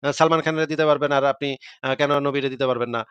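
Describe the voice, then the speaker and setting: A man pressing his point in a live online debate, talking at a rapid clip. His voice sits a touch high for a man and comes through a dry, close mic. He retells arguments with rising emphasis. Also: steady tone, fairly bright tone, smooth, no echo, muffled recording. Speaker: debate host.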